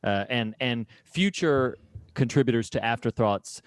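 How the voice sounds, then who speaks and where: A man's voice: mid-range voice, measured pace, clean tone, dry recording, studio quality. A man co-hosting a podcast, talking in rambling, enthusiastic casual chat and laughing often. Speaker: podcast co-host.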